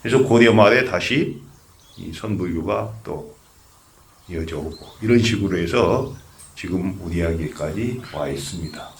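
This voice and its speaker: A man's voice: sits low, animated, measured pace. An older man, a Buddhist monk, giving a conversational sermon that asks the audience questions and tells humorous stories. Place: temple memorial service.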